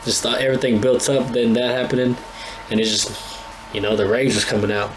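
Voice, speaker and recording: A man's voice: mid-range voice, flat delivery, fairly quick, a little hiss or hum. A man hosting an anime reaction channel, talking casually and thinking aloud in a rambling, laid-back way with many restarts.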